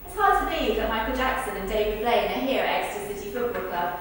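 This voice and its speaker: A fast-talking woman with a fairly high, sing-song voice earnestly delivers verbatim theatre monologues during rehearsal. Her material is people's accounts of a football club's celebrity visit. The large rehearsal room reverberates, with a distant mic and faint background noise.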